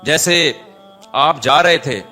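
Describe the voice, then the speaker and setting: A man with a Karachi Urdu accent giving a religious lecture, moving between chanted recitation and chatty, animated asides. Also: a little high, soft background music. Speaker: preacher.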